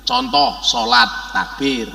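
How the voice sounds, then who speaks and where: Male preacher, Javanese accent, comic sermon, bright high voice, hall reverb. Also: takes it slowly, vocal fry. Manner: joking, animated, mixes Javanese into Indonesian, shouted takbir bursts. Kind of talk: humorous sermon.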